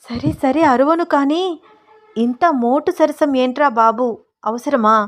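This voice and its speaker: A woman voicing a shy, playful young bride in a narrated story, coy and higher-pitched. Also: measured pace. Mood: teasing. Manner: coy, bashful, higher and brighter.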